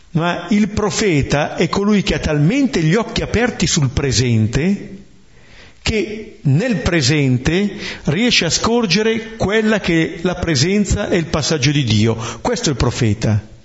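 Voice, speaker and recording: A man preaching a slow, reflective homily on scripture, often checking in with his listeners with a questioning "eh?". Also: on the high side, big pitch swings. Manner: slow, reflective, with rhetorical "eh?" tags. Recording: dull lo-fi recording.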